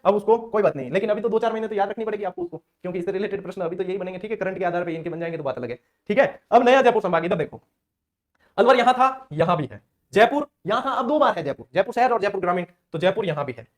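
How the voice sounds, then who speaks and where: A male teacher runs an exam-prep lesson, rattling along at a quick clip in a fairly high voice. He talks in a chatty, playful way and slips into chanted memory rhymes and little acted-out scenes.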